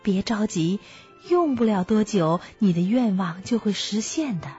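A woman's voice: medium pitch, animated, unhurried, mellow, dull audio, faint music behind, lightly acted. A woman voicing a kindly female frog in a storybook reading. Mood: soothing.

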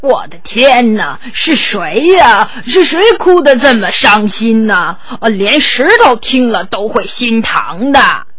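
A woman's voice: a little high, big pitch swings, slow, hardly any pauses, fairly bright tone, slightly rough, no echo, exaggerated voice. A woman playing a big chubby talking frog in a children's fairy tale, exclaiming and coaxing in a soothing, helpful way. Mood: astonished, concerned.

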